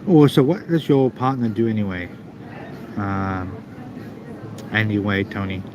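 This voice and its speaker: Man live streaming amid clear background noise. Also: lowish voice, lively intonation, a little slow, dull audio. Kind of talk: casual chat with live viewers. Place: busy airport waiting area. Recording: noisy airport background ambience.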